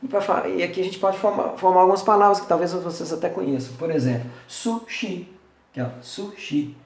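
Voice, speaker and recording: A man's voice: high voice, steady tone, quick pace. An older man with a Brazilian Portuguese accent gives a chatty, informal lesson, often checking in with his listeners. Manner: chatty, checks in with frequent tag questions. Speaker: language presenter. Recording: roomy echo.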